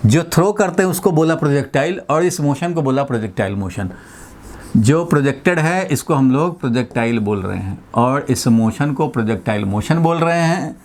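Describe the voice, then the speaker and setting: A middle-aged man from India teaching a physics class, explaining slowly and repeating key points, with English terms mixed into his Hindi. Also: a little high. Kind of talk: classroom lecture.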